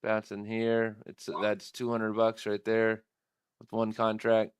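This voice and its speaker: A man's voice: lowish voice, completely flat delivery, slow, smooth, no echo, studio quality. A man hosting a live trading stream, thinking aloud at his computer in a casual, rambling way.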